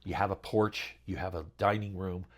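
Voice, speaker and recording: A man's voice: sits low, level tone, normal speed. A middle-aged man hosting a casual how-to talk, rambling with lots of fillers and chatty asides. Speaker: channel host.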